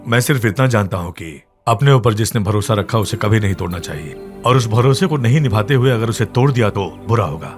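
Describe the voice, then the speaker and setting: A man playing a proud, stern older faction leader in a dubbed film, his fairly low voice carrying firm authority. Film score plays clearly behind him. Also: lively intonation, a little fast, few pauses, over music, lightly acted. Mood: calm. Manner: authoritative, commanding. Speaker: dub actor.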